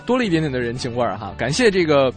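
Beijing guy hosting radio, bouncy fast talk, faint music behind. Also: medium pitch. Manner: lively, joking, quick interjections. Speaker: radio host. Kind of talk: casual radio chat.

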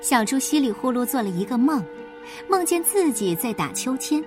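A woman narrating a children's storybook aloud with lively, expressive storytelling. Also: high voice, moderate pace, over music. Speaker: storybook reader.

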